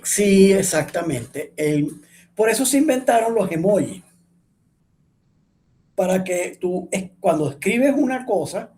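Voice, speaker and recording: Male lecturer, warm and mellow. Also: sits high. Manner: explanatory, asks the class frequent checking questions. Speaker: speech therapy lecturer. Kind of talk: online class lecture.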